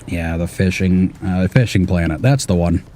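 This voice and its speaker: A man's voice: low voice, moderate pace, dark tone, slight background noise. A middle-aged man streaming a game, bantering with his kid in a teasing, exasperated way, swearing often. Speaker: gaming streamer and father.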